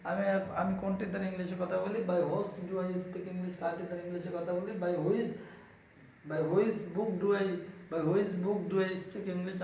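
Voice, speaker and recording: A high-voiced man with a Bangladeshi accent teaches English grammar, drilling each phrase slowly and then giving its meaning. His voice has a gravelly edge. He sounds distant from the mic in a very echoey room, with faint ambient noise behind him. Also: darkish tone. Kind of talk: classroom-style grammar lesson.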